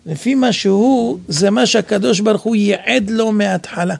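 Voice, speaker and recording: A man giving an animated sermon, telling stories and acting out dialogue, sometimes rising to shouts. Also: sits high, gravelly, breathy edge, no room sound. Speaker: rabbi preacher.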